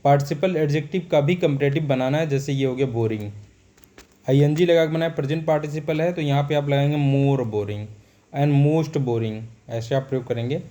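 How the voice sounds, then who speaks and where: A man's voice: a little high, fairly quick, warm tone. A male teacher recapping a grammar lesson, repeating himself and answering his own questions as he goes. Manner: repetitive, asks and answers himself.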